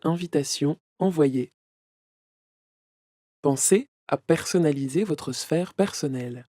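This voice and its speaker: A performer voicing a friendly virtual assistant AI with a synthetic robot-like sound. It announces things politely and brightly, like a system welcome message. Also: mid-range voice, slow, no echo, faint music behind. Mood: cheerful welcoming. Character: cheerful virtual assistant AI of a social network. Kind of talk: audio drama.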